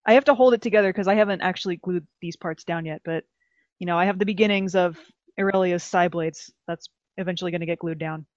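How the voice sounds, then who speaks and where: A woman from Texas hosting a casual podcast, chatty and animated, laughing often. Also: fairly low pitch, quick pace, dry recording, highs cut off. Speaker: podcast host.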